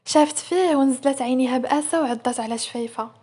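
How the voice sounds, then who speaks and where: A young woman with a Moroccan accent narrating a romance story in a rapid, breathless manner. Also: high-pitched, warm tone, breathy edge.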